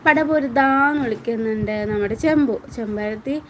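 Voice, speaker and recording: Woman streamer, higher pitch, casual, reads and answers viewer comments. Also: moderate pace, slight background noise, poor audio. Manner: chatty, answers viewers by name. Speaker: live-stream host. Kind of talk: casual live-stream chat, reading viewer comments aloud.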